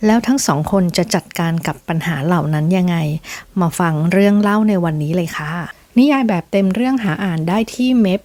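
A woman's voice: lowish voice, expressive, brisk, dark tone, no echo. A woman hosting a storytelling podcast, retelling a novel in a chatty, emotional way with gossipy asides.

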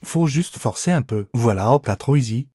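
A man's voice: medium pitch, animated, normal speed, mellow, slightly rough, dry recording, studio quality. A man voicing a cheeky, boastful pet ferret in a playful, mock-dramatic comic voice-over.

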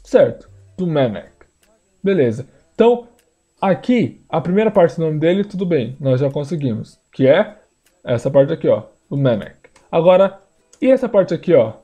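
A man, teaching pronunciation in a screen-share lesson, repeating words slowly for learners. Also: a little high, very animated, dark tone, highs cut off, soft background music. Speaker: language teacher.

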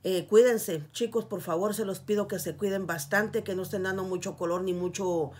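A woman's voice: mid-range voice, steady tone, normal speed, darkish tone, slight background noise. A middle-aged woman from Guatemala with a Guatemalan accent, earnestly pleading with her viewers in a casual vlog, recorded in a small room with the camera in front of her. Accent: Guatemalan Spanish. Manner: earnest, pleading, repeats "please, guys". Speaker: vlogger. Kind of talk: casual heartfelt appeal to viewers. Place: small indoor room with curtains.

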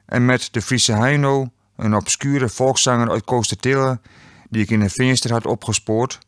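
Male author narrating own novel; dry studio sound, middle pitch, wry delivery. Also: fairly bright tone, dry recording. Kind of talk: audiobook narration. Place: recording studio.

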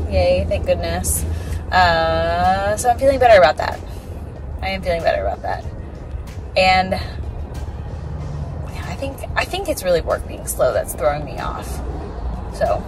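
A woman's voice: fairly low pitch, poor audio. A woman in her thirties chatting casually to camera from a parked car, rambling with lots of "like" and "um". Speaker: vlogger, bikini competitor. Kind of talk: casual vlog chat. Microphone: phone camera on dashboard. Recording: loud car and outdoor noise.

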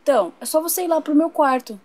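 A woman's voice: sits high, animated, fast talker, darkish tone. A woman voicing a cheerful toy boy who reassures his friend about a bold plan. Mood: reassuring.

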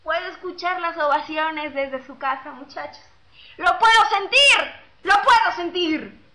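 Young mexican woman on a webcam, high bright voice, slow and slangy, jokes and reads fan comments. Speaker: singer chatting with fans. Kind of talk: casual webcam chat, telling jokes and singing. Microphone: webcam mic.

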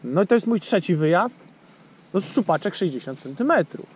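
On a small lake boat, a chatty fishing channel host speaks to viewers directly in a high-pitched, sing-song voice at normal speed, using plenty of fillers. His action camera recording carries a little hiss or hum.

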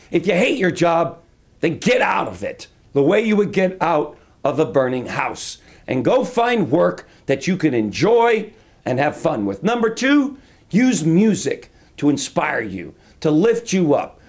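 A man in his fifties giving an upbeat motivational talk to camera in a book-lined study. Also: a little high. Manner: upbeat, animated, gesturing. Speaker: motivational coach. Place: indoor study with bookshelves.

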